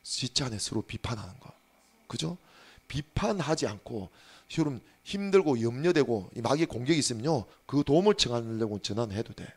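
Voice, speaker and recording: A male pastor preaching a sermon, speaking straight to his congregation, dropping to hushed asides and then rising to loud emphatic calls. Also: mid-range voice, expressive, a little fast, husky. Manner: speaks to the congregation directly and has them repeat after him.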